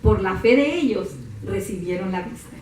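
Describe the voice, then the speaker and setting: A woman preaching a sermon, moving from calm teaching to high, impassioned crying out. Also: moderate pace, slight background noise. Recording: echoey room from far off.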